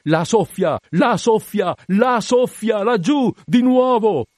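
A man voicing a fierce, obsessed whaling captain in an audiobook, shouting urgent, commanding orders to his crew in long, repeated cries. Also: mid-range voice, normal speed, no echo, clean studio sound, lightly acted. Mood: exultant shouting.

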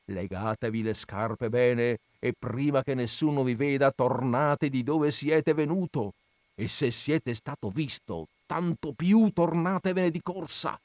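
A man's voice: mid-range voice, a little slow, a little mellow, dry recording, pitched above the performer's own voice, natural voice. A man voicing a fearful, fretful old village priest who pleads in anxious, rising alarm. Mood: pleading. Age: older.

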